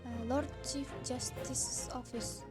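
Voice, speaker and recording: A woman's voice: high voice, flat delivery, takes it slowly. A woman streamer giving casual, playful let's-play commentary, giggling often. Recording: music under the voice.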